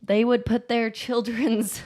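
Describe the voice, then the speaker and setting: A woman's voice: fairly high pitch, little pitch movement, slow pace, a little mellow. A woman co-hosting a casual chat show, telling a neighbor story with exasperated laughter. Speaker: podcast co-host.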